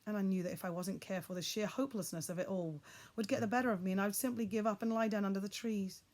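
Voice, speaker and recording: A woman reading a children's novel aloud, with expressive, suspenseful storytelling. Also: mid-range voice, fast. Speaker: audiobook reader.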